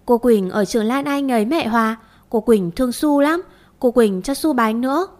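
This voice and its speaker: A woman voicing a timid, sweet four-year-old girl who mumbles softly. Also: fairly high pitch, normal speed, lightly acted. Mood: timid childish. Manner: soft, mumbling childish talk.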